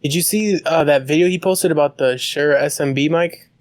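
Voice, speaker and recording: A man's voice: fairly high pitch, moderate pace, dry recording. A man co-hosting a gaming podcast, giggly and poking fun at himself. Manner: giggly, self-mocking. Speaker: podcast co-host. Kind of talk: casual chat.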